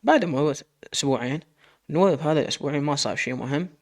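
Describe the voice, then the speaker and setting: A man's voice: fairly high pitch, animated, very fast. A man with an Iraqi Arabic accent telling a dramatic story in first person, emotional and full of quoted dialogue.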